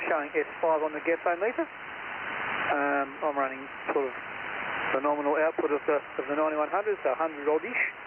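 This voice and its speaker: A man with a slightly high voice comes through a shortwave ham radio link, squeezed thin and tinny. Heavy hiss sits under every word. He talks in a relaxed, halting way, full of small pauses, like a radio operator trading reports. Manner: easygoing, halting with fillers, ends turns with "over". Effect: heard over a shortwave ham radio link, narrow and hissy. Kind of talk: radio contact exchange.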